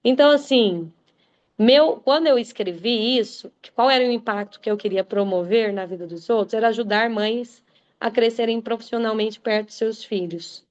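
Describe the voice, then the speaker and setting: A woman delivers a motivational talk with a fairly high voice, pressing each point with emphatic, preacherly conviction. She speaks straight to her listeners. The recording is dull and muffled. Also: moderate pace. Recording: muffled lo-fi sound.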